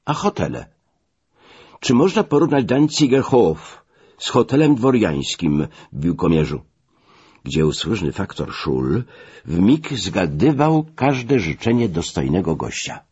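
A man narrating a memoir audiobook in a measured, wry storytelling manner. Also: low-pitched, very animated, darkish tone, slightly rough. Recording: dull lo-fi recording.

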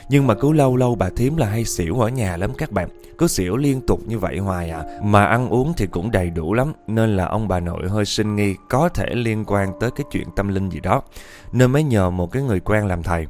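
A man tells a ghost story in a chatty, conversational way. He keeps speaking straight to his listeners as he reads the tale aloud, with soft music playing faintly behind him. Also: fairly low pitch. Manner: chatty storytelling, often addressing the listeners directly.

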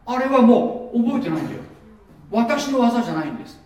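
A man's voice: extremely high pitch, big pitch swings, fairly quick, darkish tone. A man preaching a sermon as pastor in a conversational way, often asking the listeners rhetorical questions. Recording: very echoey room, voice from far off.

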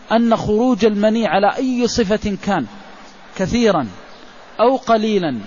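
A man, a religious scholar, explains a classical legal text in a measured lecture and pauses on drawn-out fillers. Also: sits high. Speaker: religious scholar teaching jurisprudence. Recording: dull lo-fi recording with faint hiss.

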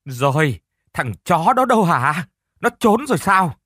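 Man voicing a sharp-tongued scolding old aunt. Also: fairly low pitch, big pitch swings, brisk, no room sound, studio quality. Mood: furious. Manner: scolding, mocking, bossy.

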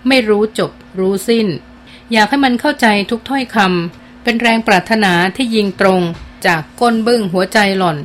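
A woman narrating a novel in a measured, expressive storytelling manner. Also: a little high, a little hiss or hum. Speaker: audiobook narrator. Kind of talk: scripted narration.

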